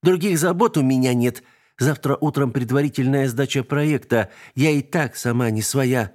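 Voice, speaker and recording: A man's voice: medium pitch, moderate pace, voice pushed up, close to an everyday voice. A man voicing a stern, irritable mother who scolds and grumbles in a storybook reading. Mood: exasperated. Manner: sharp, scolding, sarcastic.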